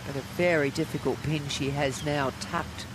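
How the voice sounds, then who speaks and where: A man with a moderately high voice commentates on golf as it happens. He mixes play-by-play and analysis, over clearly audible outdoor noise. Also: steady tone, normal speed.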